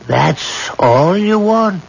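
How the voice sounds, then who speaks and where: An actor playing a very old, dying mystic who speaks in a solemn, portentous and insistent way in a drama. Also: male voice, sits high, expressive, vocal fry, slightly rough, heavily acted. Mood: grave, fading. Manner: very old man, slow and portentous. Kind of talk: period drama acting. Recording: dull, noisy old recording.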